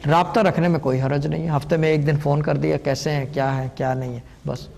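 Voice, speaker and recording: Calm gravelly-voiced male spiritual guide. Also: fairly high pitch, in a large hall. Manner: calm, unhurried explaining with English words mixed in. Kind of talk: call-in show advice.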